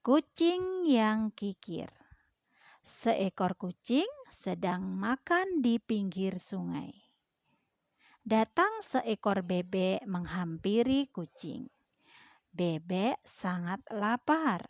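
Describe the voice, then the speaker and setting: A woman teacher reading a fable to children and explaining its lesson in a slow, gently instructive way. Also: mid-range voice, sing-song, no room sound, lo-fi sound. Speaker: primary school teacher.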